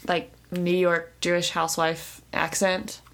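A woman co-hosting a casual podcast, telling stories in an animated, chatty way. She keeps the talk loose and conversational. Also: on the low side, a little slow. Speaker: podcast co-host. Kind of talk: casual chat.

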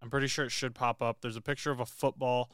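Brief: young male podcast co-host, very smooth and clear voice, casual joking delivery, dry close sound. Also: mid-range voice, quick pace, no room sound. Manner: joking, chatty, relaxed. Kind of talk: casual chat.

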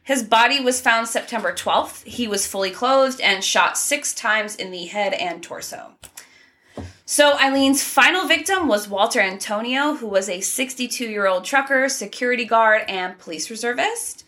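A woman's voice: fairly high pitch, moderate pace, sharp tone. A woman co-hosting a casual true crime podcast, running through the case details in a chatty way with small asides. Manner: conversational, reads case facts with asides and laughs.

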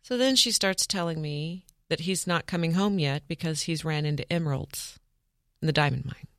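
A woman's voice: sits low, moderate pace, no echo, studio quality. A woman, an interview guest, telling a personal story in an earnest, matter-of-fact way.

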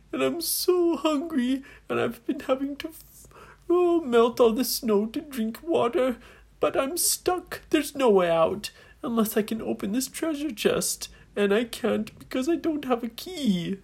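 A woman's voice: low voice, big pitch swings, extremely slow, heavily acted. A woman voicing a self-pitying, greedy male sea captain who whines and wails in a children's story. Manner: wailing, whining.

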